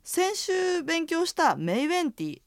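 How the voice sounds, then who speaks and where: A woman's voice: normal speed, no echo, clean studio sound. A woman teaching a radio language lesson, explaining pronunciation with casual fillers. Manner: explanatory, uses fillers, lively pitch.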